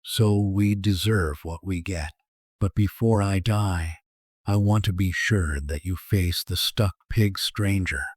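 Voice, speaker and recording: Man voicing a grim, guilt-ridden accomplice, deep voice. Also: takes it slowly, darkish tone, no room sound, studio quality. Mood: grim conviction. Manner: grim, accusing. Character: defiant, guilt-ridden male accomplice resigned to death. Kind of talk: acted dialogue in horror storytelling.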